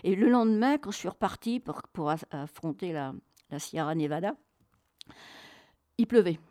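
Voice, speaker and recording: A woman speaking as a radio guest, telling a travel story in a lively, expressive way. She often laughs and swings between hushed, reflective moments and loud, excited ones. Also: fairly low pitch, moderate pace, dry recording, clean studio sound.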